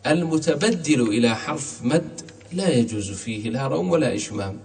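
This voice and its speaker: Male recitation teacher, mid-pitched, demonstrates examples slowly. Recorded from afar in a reverberant hall. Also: lively intonation, vocal fry, a little mellow. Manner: repeats examples slowly, demonstrating each pronunciation. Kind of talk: explaining tajweed rules with recited examples. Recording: distant mic in a reverberant hall.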